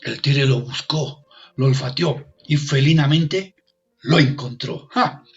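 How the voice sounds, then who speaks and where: A man telling a folk tale aloud, animated, swinging from loud to hushed and repeating phrases for effect. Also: mid-range voice, slow, vocal fry, muffled recording, faint music behind. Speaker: storyteller. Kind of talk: oral storytelling performance.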